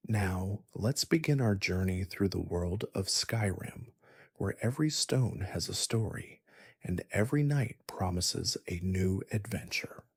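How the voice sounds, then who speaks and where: Soft, whispery, low-creaking man narrating for sleep. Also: lively intonation, dry recording, clean studio sound. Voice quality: breathy, husky, partly whispered. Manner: slow, gentle, soothing delivery.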